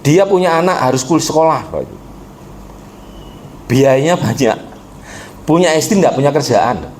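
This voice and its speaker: A pastor delivers a sermon. He speaks straight to the congregation, dropping low to tell a story and then rising into urgent, pleading calls. Faint ambience sits under the voice. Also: animated, a little slow, darkish tone, a little hiss or hum. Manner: impassioned, swings from low storytelling to high exhortation; addresses the congregation directly.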